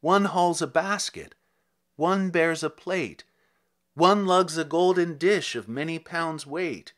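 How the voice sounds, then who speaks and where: A man's voice: on the high side, slow pace. A man voicing a curious young maiden, easily tempted, in a dramatic poem reading. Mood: fascinated. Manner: hushed, then wondering.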